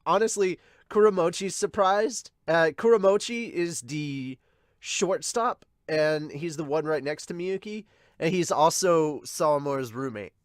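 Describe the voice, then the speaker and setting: Hosting a casual manga reaction podcast, a man with congested, sniffly sinuses rambles unhurriedly, putting himself down and swearing mildly now and then. His voice is fairly high, recorded at studio quality with no echo.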